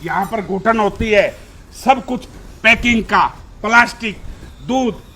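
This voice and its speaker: A man's voice: high voice, measured pace, pushed and bright, heavily acted. A man playing a grumpy village father. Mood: grumbling. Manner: gruff, grumbling. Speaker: actor in comedy skit. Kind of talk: comic family skit acting.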